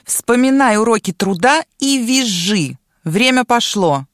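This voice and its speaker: A woman's voice: a little high, animated, a little slow, dry recording, clean studio sound, voice pushed up. A woman voicing a brash, bossy girl turned into a dragon, mocking and domineering.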